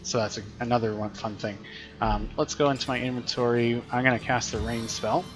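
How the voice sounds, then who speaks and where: A man with a mid-range voice talks briskly in a steady tone over music. A teacher streaming gameplay, he explains what happens as he plays a video game, chatty and thinking aloud in casual commentary.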